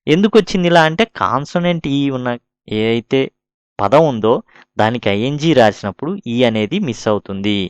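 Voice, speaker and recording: A man's voice: mid-range voice, lively intonation, brisk, clear, resonant tone, dry recording. Patient male teacher. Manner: patient, repeats and spells out words, asks questions then answers them. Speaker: English teacher. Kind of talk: explaining grammar in a recorded lesson.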